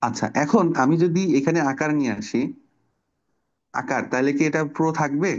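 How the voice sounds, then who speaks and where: A man's voice: fairly high pitch, moderate pace, dull audio. A man teaching an online children's class, patiently explaining pronunciation step by step and asking the pupils questions. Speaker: Bangla teacher.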